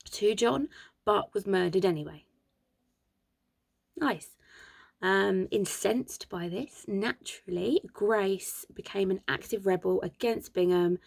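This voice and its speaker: A woman's voice: lowish voice, gravelly, a little mellow, no echo. A woman with a sore throat, casually telling history from her notes, chatty and prone to asides. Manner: chatty, digressive, reading from notes. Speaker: history channel host.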